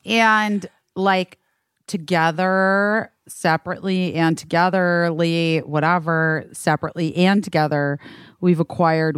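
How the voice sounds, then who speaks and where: A woman's voice: low-pitched, clean tone, no echo, clean studio sound. A woman in her forties co-hosting a podcast, retelling events bluntly, swearing freely and dramatizing. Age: 40s. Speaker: podcast co-host. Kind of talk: casual chat.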